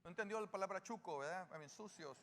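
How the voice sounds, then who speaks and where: A male pastor with a Salvadoran Spanish accent speaks quickly in a high-sitting, fairly bright voice. Through his sermon he uses call-and-response, asking the congregation things and answering them himself, while music plays in the echoing hall.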